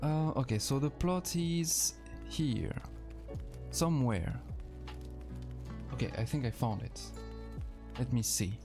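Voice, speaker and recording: Streamer, male, French accent, unhurried and chatty, mid-range voice. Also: medium pitch, animated, music in the background. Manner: easygoing, chatty, reads and answers chat. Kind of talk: casual live-stream chat while gaming.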